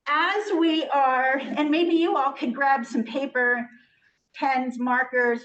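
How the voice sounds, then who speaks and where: Middle aged lady talking thru a mask, muffled, kinda high voice, chatty training talk, echoey room. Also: fairly even intonation, slow pace, a bit bright. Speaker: ministry trainer leading a teacher training. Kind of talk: informal workshop talk. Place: echoey room, speaking to a group. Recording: muffled, echoey room recording, distant mic, rumble.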